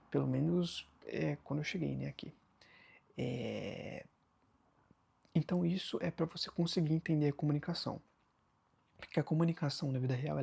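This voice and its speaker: A Brazilian man with a Brazilian Portuguese accent talks straight to camera in a casual vlog. His voice is heavily gravelly, dark and husky. He rambles loosely and leans hard on fillers. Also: a little high. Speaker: vlogger. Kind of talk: casual talking-head advice.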